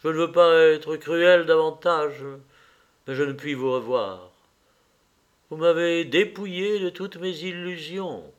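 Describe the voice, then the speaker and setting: Bitter contemptuous young guy, as a reader plays him, loud cutting outbursts, bit high. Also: takes it slowly. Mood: coldly calm. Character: young man, cold, scornful, bitter lover.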